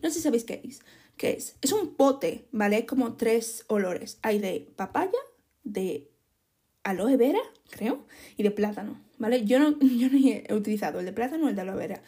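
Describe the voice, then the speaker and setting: A young woman, chatting casually and giving listeners advice on her podcast, expressive and laughing often. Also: a little high, breathy edge. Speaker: podcast host answering listener questions.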